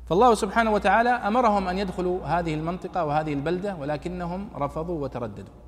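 A man teaching a classical Quran commentary, explaining quickly with loose, conversational asides. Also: high-pitched, big-room sound. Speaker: sheikh teaching tafsir.

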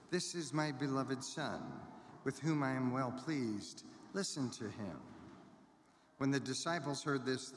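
Man proclaiming scripture in an echoey church. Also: mid-range voice. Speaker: clergyman reading the Gospel. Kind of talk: liturgical scripture reading. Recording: echoey church, long reverb, background noise.

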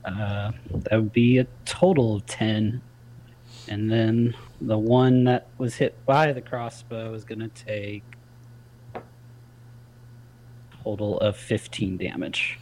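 A man's voice: on the low side, fairly even intonation, slow, long pauses, darkish tone, slight background noise, rough recording. A man playing a tabletop game, thinking aloud with fillers. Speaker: player. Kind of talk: casual tabletop play.

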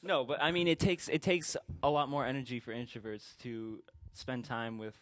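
A young man in a casual group chat, explaining things earnestly with halting restarts. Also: medium pitch, fairly even intonation, a crowd in the background. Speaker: podcast co-host.

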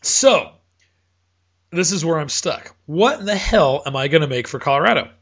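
A man with a slightly high voice hosts a loose, rambling sports chat, often stopping to correct himself. He has the hiccups. The sound is dull and lo-fi. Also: expressive, moderate pace, a bit bright, breathy edge. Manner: rambling, self-correcting, chatty. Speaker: podcast host.

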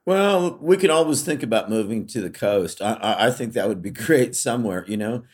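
A man's voice: on the low side, expressive, normal speed, a little mellow. A middle-aged man from California, co-hosting a podcast in casual, reflective conversation full of fillers and restarts. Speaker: podcast co-host.

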